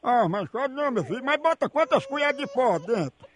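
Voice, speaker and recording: A man puts on a fretful neighbor on a prank phone call, voice pitched up very high. He pleads helplessly and keeps hushing an imagined baby. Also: big pitch swings, brisk. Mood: flustered. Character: fretful male neighbor minding a crying baby. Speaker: prank caller.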